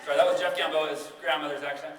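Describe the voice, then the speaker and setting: A young man delivering a keynote to an audience, energetic and conversational, often asking "right?". His voice is fairly high and comes from far off in a big hall with long reverb and a faint hiss behind it. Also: quick pace. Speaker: keynote speaker. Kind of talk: motivational keynote storytelling. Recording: echoey hall, distant mic, faint noise.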